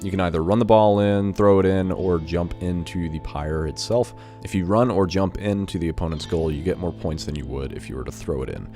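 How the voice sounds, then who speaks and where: A man with an extremely low voice hosts a casual video game first-impressions show. He talks informally, loosely thinking aloud. Faint music plays behind him. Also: brisk, few pauses, mellow. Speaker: video game review host.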